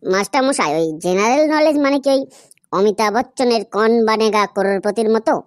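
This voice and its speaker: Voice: medium pitch, a little fast, natural voice. A performer voicing a cheeky, argumentative schoolchild in a comedy cartoon, explaining things at length. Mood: cheeky doubt. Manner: cheeky, long-winded explaining. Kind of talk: comic cartoon dialogue.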